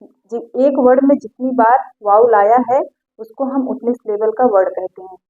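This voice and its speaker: A woman's voice: fairly high pitch, moderate pace, dark tone. Hindi-speaking woman teaching English, tinny sound. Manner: repeats key phrases, asks learners if they follow. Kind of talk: grammar lesson. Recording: tinny phone-like audio.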